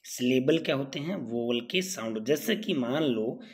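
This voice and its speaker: A man teaching an exam-prep lesson, asking rhetorical questions and answering them in an animated way. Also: mid-range voice, moderate pace.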